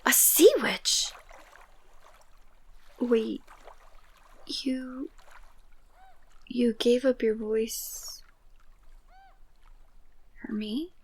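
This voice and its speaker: In a romantic ASMR roleplay, a woman plays a tender, excitable young princess in love, speaking haltingly and often slipping into a whisper. Her voice is a little high and husky, heavily acted, and sounds moved and shaken.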